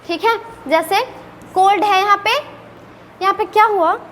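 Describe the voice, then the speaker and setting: A woman's voice: very high voice, fairly even intonation, a little slow, a bit bright. A woman teaching an English grammar lesson, often asking her students rhetorical questions. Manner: playfully scolding. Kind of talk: classroom-style grammar lesson. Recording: long reverb with faint background noise.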